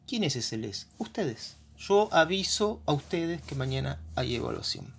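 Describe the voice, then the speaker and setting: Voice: mid-range voice, very animated, a little slow, vocal fry, slightly rough. A teacher with an Argentine accent explaining grammar in a lesson, patient and often checking understanding with short questions.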